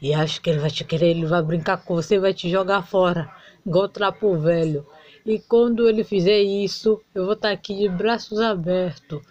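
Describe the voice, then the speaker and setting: A woman's voice: fairly low pitch, steady tone, normal speed, darkish tone, dull audio. Woman voicing a whole doll soap opera. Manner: switches between many character voices. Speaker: doll play narrator voicing all characters.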